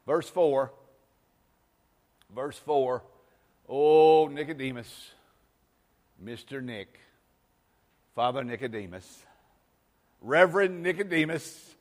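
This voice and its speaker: A male pastor delivering a sermon, repeating phrases and swinging between hushed and loud, sometimes joking with the congregation. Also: mid-range voice, lively intonation, drawn-out words, long pauses. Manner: jokes with the congregation. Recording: long hall reverb.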